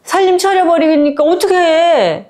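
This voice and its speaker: A woman's voice: very high voice, sing-song, moderate pace, a little mellow. Woman storyteller, chatty and conversational, retelling a book aloud with fillers. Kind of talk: casual spoken retelling of a short story.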